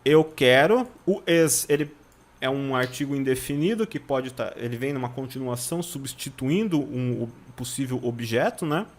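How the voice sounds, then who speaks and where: A Brazilian man teaching German in an online lesson. He spells out words slowly, repeats them syllable by syllable and keeps checking in with his viewers. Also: medium pitch, animated. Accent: Brazilian Portuguese. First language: Portuguese.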